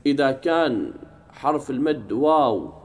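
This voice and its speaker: A man teaching an Arabic grammar lesson in a classroom, drawing out key words slowly and keeping the class engaged with questions. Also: mid-range voice, expressive. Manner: drawls key words slowly, keeps asking "what?".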